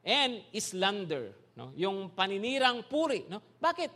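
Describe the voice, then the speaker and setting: High, bright-voiced Filipino pastor preaching. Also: male voice, measured pace. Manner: animated, peppered with rhetorical questions and tag checks. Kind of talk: bilingual sermon.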